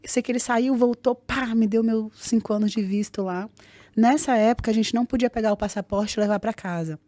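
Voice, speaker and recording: Rio-woman guest, warm and mellow, lively storyteller who acts out dialogue, dry close sound. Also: a little high, no echo. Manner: animated, acts out dialogue in quick voices. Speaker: guest, jiu-jitsu fighter. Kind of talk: personal storytelling on a podcast.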